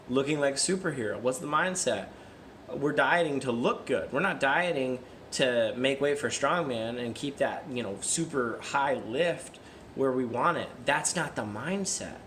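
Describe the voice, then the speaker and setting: A man's voice: mid-range voice, fairly bright tone, a little hiss or hum. A man giving a casual, earnest motivational vlog talk, often asking himself questions and answering them. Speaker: fitness vlogger.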